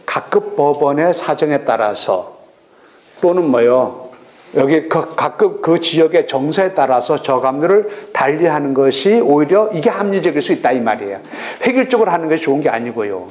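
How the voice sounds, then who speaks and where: A middle-aged man giving a recorded lecture on real estate auctions, lively and full of rhetorical questions. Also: on the high side, normal speed. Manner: lively, rhetorical questions, acts out regional voices.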